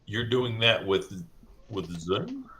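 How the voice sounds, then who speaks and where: Low, gravelly man. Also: huge pitch swings, slow, bright, forceful tone, a little hiss or hum. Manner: laid-back, brief replies. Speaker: guest, ham radio operator. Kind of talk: casual chat.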